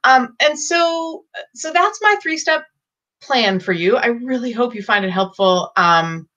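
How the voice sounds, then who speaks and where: Woman parenting coach explaining steps to camera, earnest, bright punchy voice, kinda muffled lo-fi sound. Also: on the high side, expressive, unhurried. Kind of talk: advice talk to camera. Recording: dull lo-fi recording.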